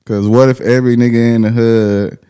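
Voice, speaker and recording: A man's voice: mid-range voice, level tone, a little fast, mellow, clean tone. A man with a Southern US accent hosting a casual interview in slangy street talk, repeating phrases and often saying man and bro. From Glenville, Georgia, United States. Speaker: host interviewer of a hip-hop show.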